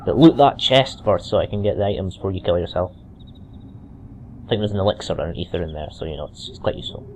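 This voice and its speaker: This is a man with a mild Scottish accent giving loose, chatty let's-play commentary. His voice sits fairly low and he restarts and wanders between asides. A faint hiss from a cheap microphone runs underneath. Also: expressive, quick pace, darkish tone. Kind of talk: casual gameplay commentary.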